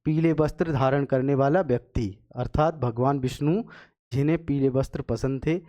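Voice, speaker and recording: A man teaching a Hindi spelling lesson for exam preparation, patiently repeating words slowly and checking that students follow. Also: mid-range voice, warm tone.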